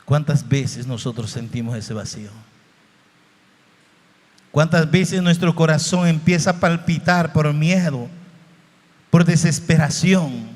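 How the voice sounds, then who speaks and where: Slow-preaching high-voiced man in a hall. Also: a little mellow. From Bolivia. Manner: slow, emotional preaching with dramatic shifts in voice. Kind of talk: sermon. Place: church hall. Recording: reverberant hall.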